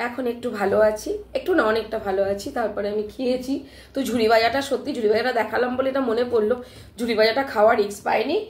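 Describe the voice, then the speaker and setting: A woman retelling a personal scare to her live-stream viewers in an animated, emphatic way, often checking in with her listeners, while her throat is still sore. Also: on the high side, fast, reverberant. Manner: animated, emphatic retelling with frequent "ঠিক আছে?" check-ins. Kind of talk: casual live-stream storytelling.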